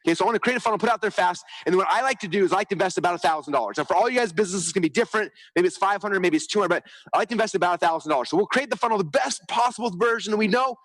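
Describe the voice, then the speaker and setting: A man talks quickly in a fairly high voice as he presents at a conference. He tells his stories with energy, acts out what people said to him, and keeps checking in with the room with a quick "okay?". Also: poor audio. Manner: energetic, animated storytelling, acts out quotes; repeats "okay?" to check with the audience. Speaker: conference speaker. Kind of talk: live marketing presentation. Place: conference hall.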